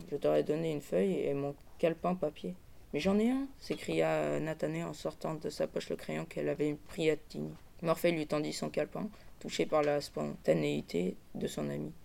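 A man with a very gravelly, rather high voice presents a novel on a radio show. He reads a long excerpt aloud, then hesitates and pauses often while giving his opinion. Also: darkish tone. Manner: hesitant, many fillers. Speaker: book columnist. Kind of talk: book review with read-aloud excerpt.

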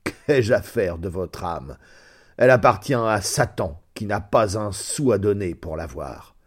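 A man voicing a cold, scornful stranger who speaks slowly and mockingly in a storybook reading. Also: fairly low pitch, lively intonation.

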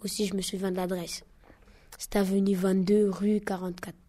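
A woman's voice: medium pitch, little pitch movement, brisk, heavy background noise. A teenage girl from Côte d'Ivoire describing things while searching for words. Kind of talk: spoken testimony.

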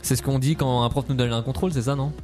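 A man's voice: medium pitch, steady tone, fast, music in the background. A young man co-hosting a live student radio show, casual and joking, with lots of fillers. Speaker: radio co-host.

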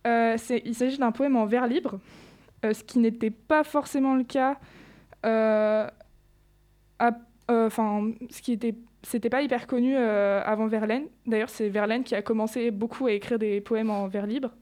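High-voiced teen girl, hesitant. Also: steady tone, normal speed, darkish tone. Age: teens. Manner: hesitant, many fillers. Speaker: student co-host. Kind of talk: reading and analysing her own poem.

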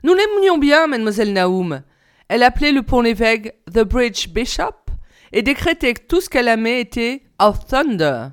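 A woman reading a children's novel aloud, lifting her pitch for the characters' lines. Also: big pitch swings, normal speed, smooth. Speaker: reader.

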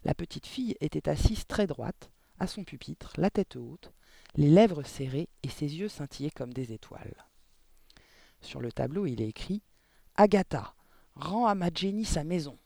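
Gravelly-voiced man reading a children's novel. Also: a little high, animated, mellow, no room sound. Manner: measured, adds explanatory asides. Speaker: audiobook narrator.

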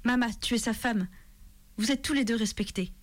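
A woman's voice: a little high, normal speed, close to an everyday voice. A woman reading aloud who voices an ashamed, defiant teenage girl speaking through tears. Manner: tearful, defiant.

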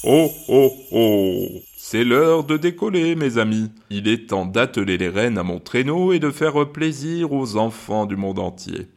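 A man doing a booming jolly Santa Claus. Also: lively intonation, unhurried. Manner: loud booming "ho ho ho" delivery.

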